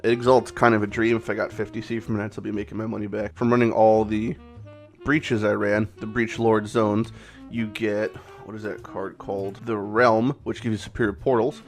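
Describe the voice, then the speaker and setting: A gaming channel host, his slightly low voice rasped and hoarse from a cold, talks at normal speed with a flat delivery in a casual game commentary vlog. He rambles loosely, drops an occasional swear word, and corrects himself mid-sentence, with quiet music running in the background.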